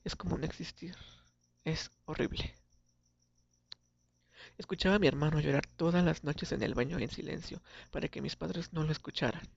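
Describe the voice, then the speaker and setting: Somber young man, gravelly. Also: a little high, dry recording. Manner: somber, earnest confessional tone. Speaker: narrator. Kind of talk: first-person dramatic storytelling. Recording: dull lo-fi recording.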